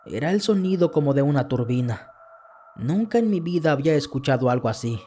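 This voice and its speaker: A man telling a first-person horror story as a podcast narrator, earnest and steady. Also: fairly high pitch, a little fast, a little hiss or hum.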